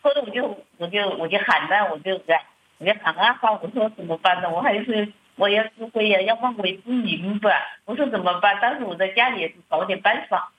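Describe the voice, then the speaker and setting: Here the same hesitant church member speaks in a medium-pitched, slightly fast voice with a breathy edge, telling of her family's problems. Her plaintive account stalls, repeats and restarts, captured on a muffled lo-fi recording.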